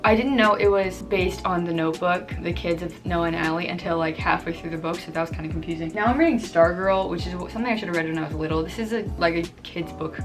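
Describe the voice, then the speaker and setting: A woman in her twenties chatting casually to the camera in a rambling, self-deprecating way. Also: fairly low pitch. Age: 20s. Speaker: vlogger. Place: apartment in New York. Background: background music.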